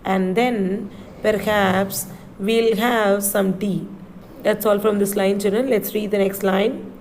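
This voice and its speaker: A woman teacher reading a story line by line to children, spelling words letter by letter and repeating them slowly. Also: medium pitch, steady tone, a little mellow, a little hiss or hum, rough recording.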